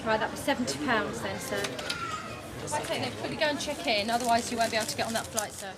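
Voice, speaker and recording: Brisk British woman, very noisy airport. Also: a little high. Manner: brisk, formally polite. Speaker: airline supervisor at sales desk. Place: airport sales desk. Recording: very noisy airport documentary footage.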